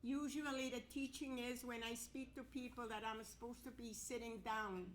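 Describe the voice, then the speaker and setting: An older woman with a First Nations Cree accent giving a halting, deliberate, heartfelt speech at a podium. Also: a little high, steady tone. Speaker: elder and speaker. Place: indoor banquet hall at podium. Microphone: podium microphone. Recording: background noise in event room.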